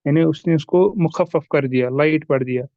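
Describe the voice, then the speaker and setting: A man's voice: on the high side, normal speed, darkish tone, no room sound, muffled recording. A man teaching tajweed in a recorded lesson, patiently repeating examples and asking and answering his own questions. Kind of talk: recorded lesson explaining rules.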